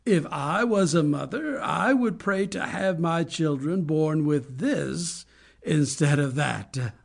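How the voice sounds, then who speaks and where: Captain Hook, a woman doing a gravelly pirate. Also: low-pitched, pitched below the performer's own voice, heavily acted. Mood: brooding. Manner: slow, theatrical, swinging from menace to whining. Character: vain, brooding pirate captain, adult man. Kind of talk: storybook read-aloud.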